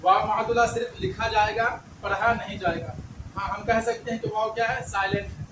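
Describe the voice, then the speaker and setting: High-pitched guy teaching a beginner class, repeats stuff and answers his own questions, traffic going by. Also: fairly even intonation, moderate pace, far from the mic. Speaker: Urdu teacher. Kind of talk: beginner language lesson. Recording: echoey, mic set back, traffic noise.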